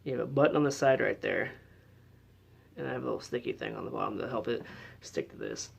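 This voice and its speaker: A man's voice: medium pitch, fast talker, gravelly, slightly rough. A man giving a casual how-to demonstration as a paranormal investigator, explaining in a loose, chatty way with lots of fillers.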